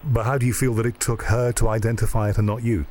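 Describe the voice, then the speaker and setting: A radio host chats with a guest, asking curious, enthusiastic questions and thinking aloud as he listens. His mid-range voice is mellow with a flat delivery, and he talks fast; there's no echo.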